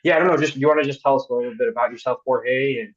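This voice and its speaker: A man hosting a podcast in casual chat, halting and filling pauses often. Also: mid-range voice. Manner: halting, many fillers. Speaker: podcast host. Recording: dull lo-fi audio.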